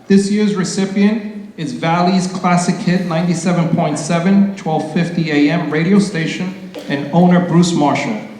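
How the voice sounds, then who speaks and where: A man's voice: on the high side, a little mellow. A man emceeing a community ceremony, reading award citations formally and adding loose, casual asides. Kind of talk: public ceremony speech. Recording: very echoey hall with long reverb.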